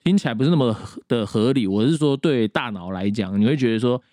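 Man, podcast co-host, casual explanatory chat, average pitch, dry close recording. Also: lively intonation, dark tone, no room sound. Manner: explanatory, thinking aloud with pauses. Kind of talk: casual chat on classical music.

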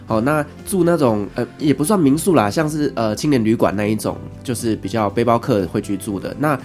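A man with a Taiwanese Mandarin accent hosting a travel podcast in relaxed, conversational chat. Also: mid-range voice, brisk, soft background music. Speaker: podcast host.

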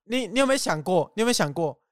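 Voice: mid-range voice, sing-song, racing, no room sound, studio quality. A podcast co-host in casual chat, dropping in joking quips and reflective comments. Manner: joking interjections, then reflective remarks.

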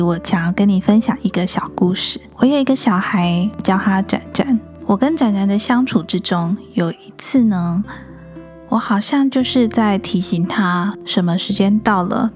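A woman in her thirties hosting a podcast, talking calmly and gently about raising children. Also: mid-range voice. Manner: calm, gentle, reflective advice. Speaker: podcast host. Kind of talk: podcast monologue on parenting.

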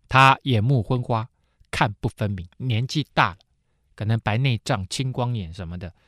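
A male pastor retelling a Bible story in a sermon, explaining as he goes and filling pauses with small particles. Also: mid-range voice, no echo, clean studio sound. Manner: explanatory, with frequent filler particles.

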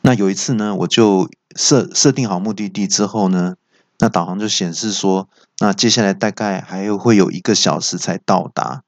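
A man with a Taiwanese Mandarin accent telling comic stories in a chatty monologue, stumbling and restarting with excited outbursts. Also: low-pitched, normal speed, no room sound. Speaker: stand-up comedian. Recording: slightly dull, dry recording.

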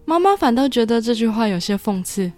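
A woman hosting a podcast calmly retells a drama's story and reads the characters' lines in her own voice. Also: on the high side, fairly quick. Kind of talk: storytelling recap with quoted dialogue. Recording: dry close studio mic with faint background music.

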